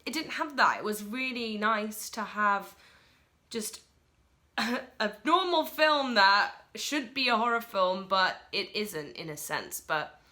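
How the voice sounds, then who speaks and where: A woman giving a casual solo film review in a rushed, chatty way, full of fillers like "like" and "uh". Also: mid-range voice, lively intonation, bright, forceful tone.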